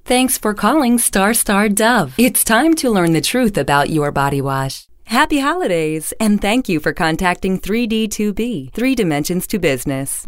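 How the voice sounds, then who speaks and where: Woman voicing phone system prompts; lively pitch, dry close recording, polite and clearly enunciated. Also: no room sound.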